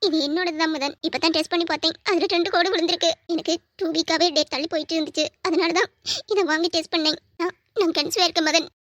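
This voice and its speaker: A woman's voice: extremely high pitch, steady tone, fast talker, a bit bright, no room sound, clean studio sound. A woman voicing a frightened young unmarried woman who speaks anxiously and hesitantly in a cartoon drama.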